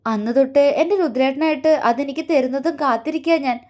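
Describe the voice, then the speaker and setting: Woman reading a shy, affectionate young wife, pouting, high voice. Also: fairly quick, a little mellow, close to an everyday voice. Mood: emotional. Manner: coy, pouting.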